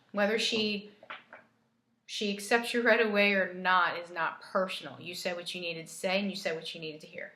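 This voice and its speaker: A woman's voice: on the low side, roomy sound, very noisy. A woman giving a casual spiritual tarot reading, chatty and coaching, laughing easily as she talks. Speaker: tarot reader.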